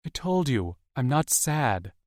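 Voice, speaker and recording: A man's voice: mid-range voice, very animated, slow pace, no echo, studio quality, pitched above the performer's own voice. A man doing a light-voiced young shifter. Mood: fond, playful. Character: young male shifter, loving and playful.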